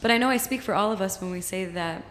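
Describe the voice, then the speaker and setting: A woman co-hosting an interview, speaking in a warm, encouraging way. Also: medium pitch, fast, slight background noise. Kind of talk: casual interview talk. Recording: reverberant hall.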